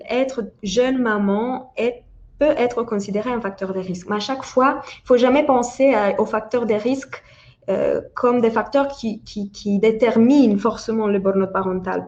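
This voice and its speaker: A woman's voice: mid-range voice, unhurried, a little mellow, muffled recording. A woman from Italy who speaks French with an Italian accent, explaining research as an expert in a webinar, with frequent restarts and hesitations. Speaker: parental burnout researcher.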